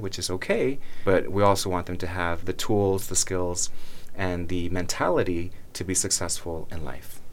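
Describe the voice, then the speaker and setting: A man speaking as an interviewed schools official, earnest and measured, often repeating words for emphasis. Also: sits low, a little hiss or hum. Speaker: county schools superintendent being interviewed. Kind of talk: prepared interview answers.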